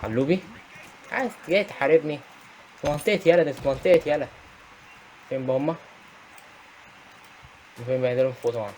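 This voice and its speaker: A young man with an Egyptian Arabic accent giving excitable gameplay commentary, often shouting at enemies. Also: medium pitch, rapid-fire, long pauses, slight background noise. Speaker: gaming YouTuber.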